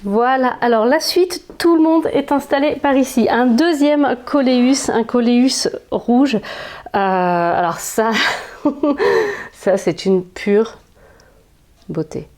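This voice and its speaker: A woman's voice: fairly high pitch, slow pace, a little mellow. A woman with a French accent, chatting enthusiastically in a casual plant vlog at home, with frequent fillers. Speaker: plant vlogger. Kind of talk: casual chat. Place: home with houseplants, indoors.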